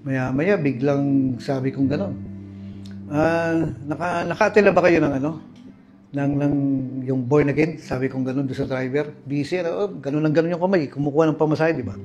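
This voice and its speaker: A man with a Filipino accent preaching a sermon, telling personal stories in an animated way and addressing his listeners as brothers and sisters. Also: a little high, highs cut off. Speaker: pastor.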